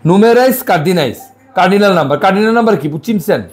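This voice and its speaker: A man with a Bangladeshi Bengali accent teaching a live language class, coaxing his students and spelling words out slowly letter by letter. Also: high voice, expressive, faint music behind.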